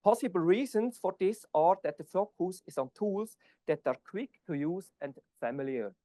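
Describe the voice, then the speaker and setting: Speaking in a conference hall, this presenter from Switzerland delivers an academic talk with Q&A in hesitant, filler-laden non-native English. He sounds animated, with a high-sitting voice and dark tone, recorded cleanly in studio quality with no room sound.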